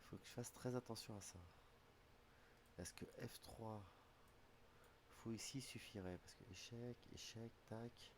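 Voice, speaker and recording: A man streaming his online chess games mutters through his calculations in half-finished phrases, slightly congested from a head cold. The voice is on the low side, steady and unhurried with frequent pauses, recorded on a desk mic amid background noise.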